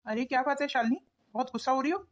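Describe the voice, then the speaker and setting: A woman's voice: high voice, fairly even intonation, racing, a little hiss or hum, close to an everyday voice. A woman voicing a young husband in a cartoon, easygoing and teasing. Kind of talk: cartoon voice acting.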